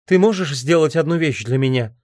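A man voicing a calm, earnest woman missionary who pleads gently, in an audiobook reading. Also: deep voice, normal speed, no echo, clean studio sound, pitched above the performer's own voice. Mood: pleading.

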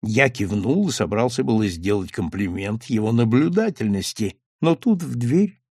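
Gravelly male audiobook narrator. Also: lowish voice, normal speed, dry recording, clean studio sound. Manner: expressive storytelling. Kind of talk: scripted first-person narration.

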